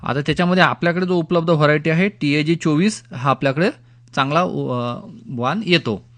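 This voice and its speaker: A man explains things as an expert guest on radio, in a slightly high voice. His comes with an instructive manner, and he goes back over key points. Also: moderate pace, fairly bright tone. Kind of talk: spoken explanatory advice on radio.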